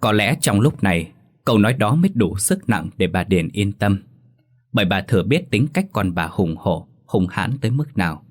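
A man narrating a ghost story in a dramatic, steady storytelling manner. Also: on the low side, normal speed.

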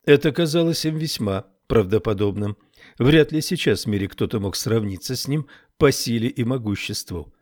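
A man narrating an audiobook in a measured, even reading voice. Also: medium pitch. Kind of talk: scripted narration.

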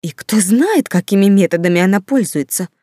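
Woman voicing a gossiping baroness, indignant, high and lively, dry recording. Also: moderate pace, dry recording, close to an everyday voice. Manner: outraged, rising pitch.

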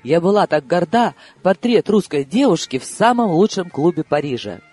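A man reading an audiobook voices an impulsive, emotional young woman who has had too much to drink, raising his voice high and excitable. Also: moderate pace, slightly rough, faint music behind, exaggerated voice. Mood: tearful. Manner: excitable, raised and high-pitched.

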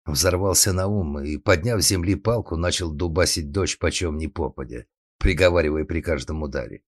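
A man narrating an audiobook in a steady, ironic storytelling manner. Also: rumbling low, normal speed, no room sound, studio quality.

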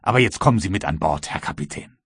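A man's voice: a bass voice, lively intonation, fast talker, a bit bright, husky, dry recording, studio quality, voice pushed down, full character voice. A man reading as a bold, unflappable servant. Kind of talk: audiobook reading.

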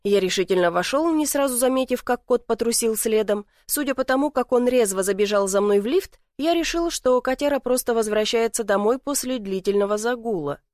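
A woman reading first-person audiobook narration in an even, expressive way. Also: a little high, a little fast, few pauses, no echo, clean studio sound.

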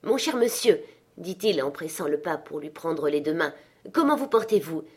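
A woman's voice: low-pitched, lively intonation, moderate pace, darkish tone, breathy edge. A woman voicing Scrooge, a joyful old man, reading his lines with cheerful eagerness in a storybook reading.

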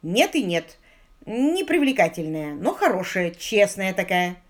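A woman reading the part of an eager, flustered young man in love, talking fast to explain himself. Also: mid-range voice, sing-song. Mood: insistent.

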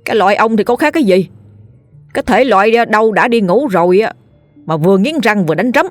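A woman voicing a sharp-tongued middle brother who snaps back with quick insults. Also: mid-range voice, expressive, no room sound, faint music behind, natural voice. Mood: sarcastic.

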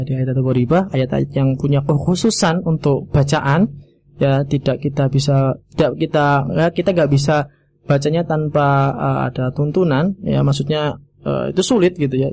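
A man's voice: mid-range voice, creaky, warm tone. A man teaching Quran pronunciation on a radio call-in, patiently repeating phrases and sounding out letters.

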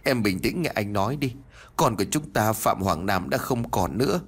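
A man voicing a grieving young husband who pleads with his wife to stay strong, his husky voice raised. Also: on the low side, lively intonation, moderate pace. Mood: pleading. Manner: pleading, then softening. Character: grieving young husband, anguished but steadying.

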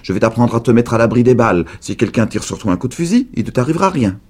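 A man voicing a lonely, scheming old woman witch in a storybook reading, pitched high and coaxing. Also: sing-song, fast, darkish tone, breathy edge. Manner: shrill, pleading, coaxing.

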